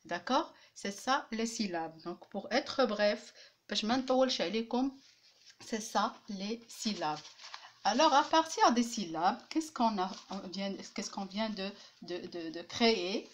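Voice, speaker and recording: Slow, patient woman teacher. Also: medium pitch, animated, slight background noise. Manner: repeats each word slowly, clapping out syllables; frequent hesitations and restarts. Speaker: French teacher. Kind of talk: slow classroom lesson.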